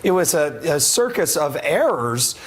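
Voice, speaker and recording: A middle-aged man, a former congressman, speaking as a TV guest with a raspy voice, often stumbling and repeating words as he starts sentences. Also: a little high, sing-song, unhurried. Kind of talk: TV interview.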